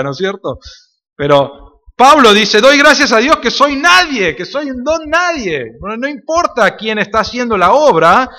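A young man with a Rioplatense Spanish accent preaching a sermon as pastor, emphatic, swinging from loud declarations to soft asides. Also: high-pitched. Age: young adult.

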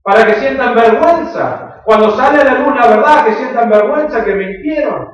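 A man with a Rioplatense accent preaches a sermon in a high, earnest voice with emphatic rises. He sounds distant from the mic, with a heavy echo of a big room around him. The sound is dull and muffled. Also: normal speed. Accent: Rioplatense Spanish. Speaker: pastor.

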